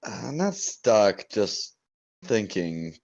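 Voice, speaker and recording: A man's voice: fairly low pitch, big pitch swings, very slow, creaky, darkish tone, no room sound, lo-fi sound. A man chatting over a voice call while playing a board game, boasting in a playfully grandiose, mock-formal way. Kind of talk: casual voice chat while gaming.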